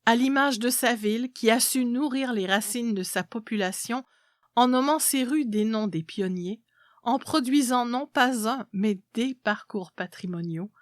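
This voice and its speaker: A woman's voice: fairly high pitch, a little slow, no room sound, studio quality. A woman reading a literary story aloud as a scripted narration.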